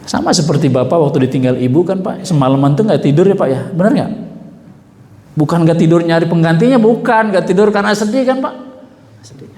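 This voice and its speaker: A man with a Sundanese accent preaching a sermon, telling a story with lively acted-out voices and often addressing the listeners directly. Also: on the high side, a little fast. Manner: animated storytelling, acts out quoted voices, addresses audience as Pak. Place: mosque hall. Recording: echoey mosque hall.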